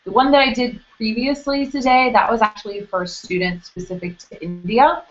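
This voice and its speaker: A young woman on the international admissions staff hosts a live webcast information session, her voice on the high side and her pace normal. She speaks casually, walking through things step by step with lots of fillers, and the lo-fi webcast audio sounds dull.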